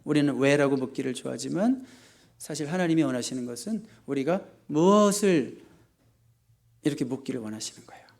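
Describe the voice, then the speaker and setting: A male pastor preaching in church, asking the congregation questions and answering them himself, with sharp rises for emphasis. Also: medium pitch, lively intonation, fairly quick, creaky. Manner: emphatic, often rising sharply for stress. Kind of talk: sermon. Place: church sanctuary.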